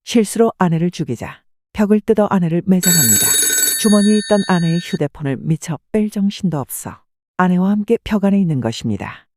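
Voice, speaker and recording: A woman's voice: on the low side, animated, brisk, noisy background. A woman reading scripted horror stories as narrator.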